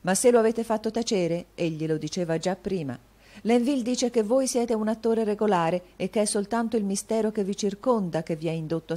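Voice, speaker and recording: A woman's voice: fairly low pitch, a little mellow, pitched above the performer's own voice, close to an everyday voice. A woman reading an audiobook, voicing a gossipy, meddling male actor with an insinuating, confiding tone.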